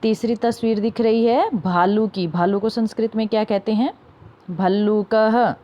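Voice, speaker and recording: A young woman teaching a class of children, sounding out each word slowly and answering her own questions. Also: fairly high pitch, highs cut off. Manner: slow, careful word-by-word pronunciation drills; asks questions and answers them herself. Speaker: Sanskrit teacher.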